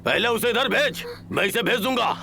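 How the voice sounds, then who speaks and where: A man dubbing a frantic father in a hostage standoff, shouting and bargaining in a Hindi film dub. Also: extremely high pitch, expressive, moderate pace, gravelly, slight background noise, exaggerated voice. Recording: dubbed film audio with music.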